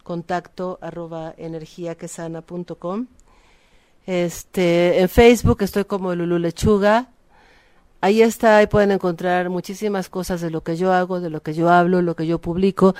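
A woman's voice: on the low side, steady tone, moderate pace, a little mellow, smooth, dry recording, clean studio sound. A woman, a guest chatting casually on a web radio show, full of fillers and tag questions. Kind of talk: casual chat.

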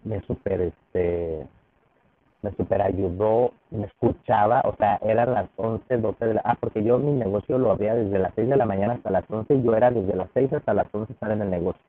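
A man with a Mexican accent recounts his own story as an interview guest. His voice sits fairly low and comes through a tinny, phone-like channel with a dry, close sound. He stumbles and restarts often and acts out the lines of the people in his story. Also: moderate pace, dry recording. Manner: frequent restarts, acts out quoted dialogue. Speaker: podcast guest. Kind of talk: casual storytelling.

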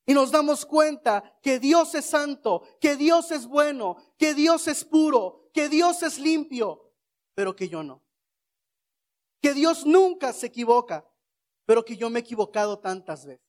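Male preacher, high voice, unhurried, call-and-response sermon. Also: expressive. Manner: rhetorical questions, leads the congregation in shouted responses.

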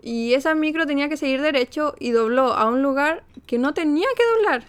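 A young Chilean woman co-hosting a podcast in casual chat, telling stories with indignation. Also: high-pitched. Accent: Chilean Spanish. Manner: indignant storytelling, quick to anger. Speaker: podcast co-host.

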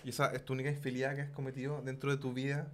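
A man's voice: mid-range voice, completely flat delivery, racing, a little hiss or hum. A man with a Chilean accent co-hosting a casual podcast chat, teasing and joking and laughing often. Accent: Chilean Spanish. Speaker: podcast co-host. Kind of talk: casual chat about board games.

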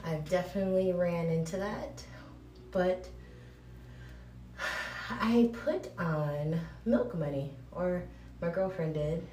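A woman with a slightly low voice hosts a casual podcast from a bathroom. Her talk rambles informally with playful asides. The room gives a strong cave-like echo, with faint noise behind her. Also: measured pace, warm tone, far from the mic. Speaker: podcast host recommending movies. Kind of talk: casual chat. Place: bathroom, on location. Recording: echoey cave-like bathroom, noisy.

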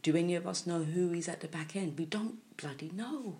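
A woman whose voice sits on the low side and sounds croaky, as if early in the morning, gives a spiritual podcast talk. She speaks softly and unhurriedly, with many pauses and fillers.

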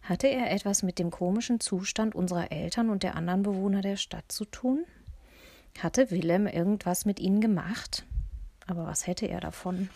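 A woman reading a first-person audiobook in a measured, tense storytelling manner. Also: medium pitch, a little mellow. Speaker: audiobook narrator. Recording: dry close-miked studio.

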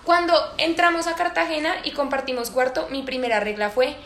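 Bright teasing Colombian woman, echoey room. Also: sits high, animated, brisk. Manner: playful, teasing. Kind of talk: casual chat. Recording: echoey room with faint noise.

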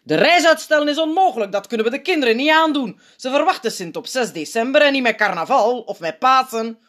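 A woman's voice: fairly high pitch, expressive, moderate pace, pitched above the performer's own voice. Woman doing a stern, bossy head elf. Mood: irritated. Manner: loud, commanding, irritable. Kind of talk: audiobook character reading.

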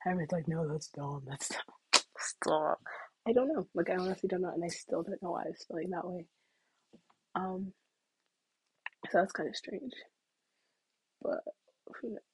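A woman's voice: lowish voice, moderate pace, long pauses, a little mellow, a little hiss or hum, poor audio. A young woman telling a casual story to camera, chatty and full of "like", sometimes dropping into whispers. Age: young adult. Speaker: vlogger.

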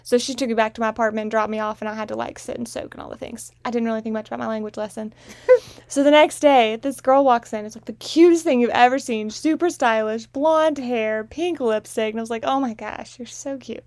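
A young adult woman hosts a relaxed, conversational chat in a voice a little higher than most. She tells anecdotes in a chatty, informal way. The sound is dry, with very little room in it. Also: fast, no room sound. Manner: chatty, anecdotal storytelling with frequent small laughs. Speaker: host. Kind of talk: casual chat.

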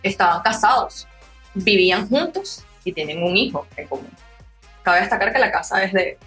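A woman hosting a podcast in a studio, telling a story in an animated way and acting out the people in it. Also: mid-range voice, normal speed, faint music behind. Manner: animated storyteller, acts out quoted voices. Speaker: podcast host.

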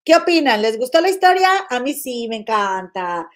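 A woman hosts a live-streamed podcast in a loose, chatty way. She talks warmly to her "comadres," sprinkles in diminutives, and often restarts her phrases. Her voice swings easily between loud bursts and quiet asides. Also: on the high side, moderate pace. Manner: chatty, affectionate, uses many diminutives and "comadre"; frequent fillers and restarts, animated swings in loudness. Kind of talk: casual live chat reading viewer comments.

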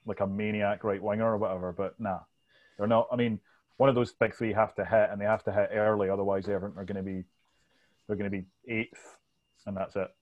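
A man's voice: lowish voice, little pitch movement, brisk, narrow, tinny audio. A man with a Glasgow Scottish accent chatting casually about football, informal and sweary, as a podcast host.

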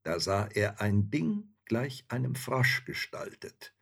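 A man narrating a fairy tale in a slow, measured storytelling manner. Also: lowish voice, sing-song, fairly bright tone.

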